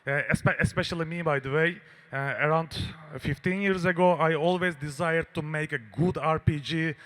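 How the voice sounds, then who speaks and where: A man giving a conference presentation in halting, English. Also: fairly high pitch, fairly bright tone. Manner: halting non-native English with loose grammar. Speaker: conference speaker from a game publishing company. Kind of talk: conference presentation on game design.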